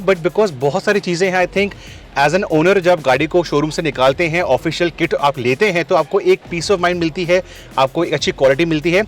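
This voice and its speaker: Indian man hosting a car walkaround. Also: fairly high pitch. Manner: mixes Hindi and English, conversational; energetic presenter, frequent uh fillers. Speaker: car reviewer host.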